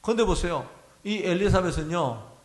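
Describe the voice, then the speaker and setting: In an echoey church sanctuary, a male pastor with a high, expressive voice preaches a Sunday sermon at normal speed. His style is conversational, and he often asks the congregation questions.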